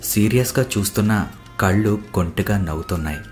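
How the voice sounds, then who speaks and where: A man narrating a novel as an audiobook in an even storytelling manner. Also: lowish voice, fairly quick, faint music behind. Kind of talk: scripted narration.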